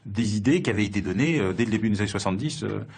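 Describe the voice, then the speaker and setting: A man's voice: on the low side, racing, creaky. A man answering in a documentary interview, hesitant with frequent fillers. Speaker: interviewee, expert.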